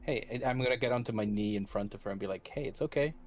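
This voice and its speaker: A man's voice: on the low side, fairly even intonation, rapid-fire, darkish tone. A man playing a tabletop game, earnestly describing his character's actions. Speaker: player. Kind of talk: casual play at a tabletop game.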